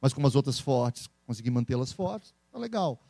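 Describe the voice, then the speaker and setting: Animated fast-talking Brazilian man. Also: medium pitch, creaky, no room sound. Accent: Brazilian Portuguese. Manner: animated, laughing, quick storytelling. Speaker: guest speaker and entrepreneur. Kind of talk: casual interview talk.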